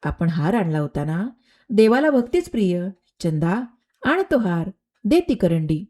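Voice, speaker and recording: A woman's voice: on the low side, measured pace. A woman as a serene saintly queen. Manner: calm, soft, kindly.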